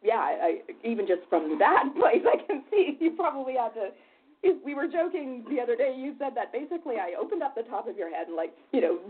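A woman's voice: fairly high pitch, very animated, brisk, husky. A woman hosting an interview, chatty and leading, often laughing as she asks questions. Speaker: interview host and hypnotherapy trainer. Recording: tinny phone-like line.

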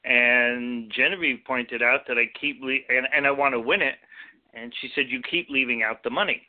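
A man calling in on speakerphone, his voice thin and tinny. He speaks at an ordinary, middling pitch with halting restarts, as in a casual call-in chat. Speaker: caller.

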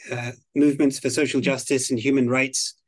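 A man from the United Kingdom being interviewed as a guest on a podcast, speaking in a measured, articulate way. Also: mid-range voice, level tone, no room sound. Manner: measured, articulate, slow and deliberate. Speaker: guest expert on biodiversity.

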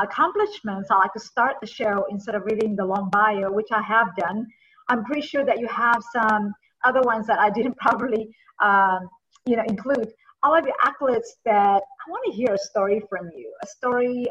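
A woman's voice: mid-range voice, fairly bright tone, slightly rough. A woman hosting a podcast interview, chatty and teasing as she reads the guest's bio and asks questions. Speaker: podcast host. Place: Southern California. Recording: dull lo-fi audio.

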